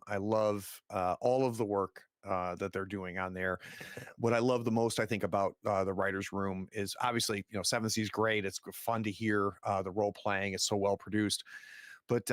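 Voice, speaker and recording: A man's voice: fairly low pitch, dry recording, studio quality. A man hosting a tabletop roleplaying game as game master, narrating and explaining in a casual, conversational way.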